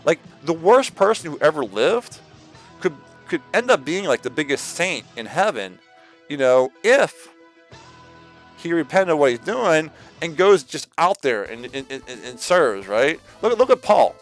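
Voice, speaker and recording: Rambling animated male streamer preaching. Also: a little high, measured pace, soft background music. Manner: rambling, full of "like" and repeated restarts; slangy, addresses listeners as "man". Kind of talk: casual off-the-cuff preaching.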